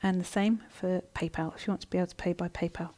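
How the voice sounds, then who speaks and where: Her voice sits on the low side, with fairly even intonation and a quick pace. She's hosting a live online coaching session, warmly and chattily reading out viewer comments and replying, peppered with ums and restarts.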